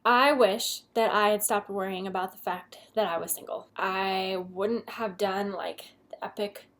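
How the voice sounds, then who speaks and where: A woman's voice: mid-range voice, steady tone, unhurried, a bit bright. Woman, twenties, candid vlogger, whispered asides. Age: 20s. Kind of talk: casual advice vlog.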